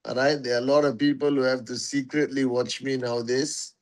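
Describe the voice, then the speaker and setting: A man's voice: mid-range voice, little pitch movement, fairly quick. A man hosting a casual livestream for his network marketing followers, greeting viewers one by one as warriors and repeating phrases for emphasis, on a phone mic.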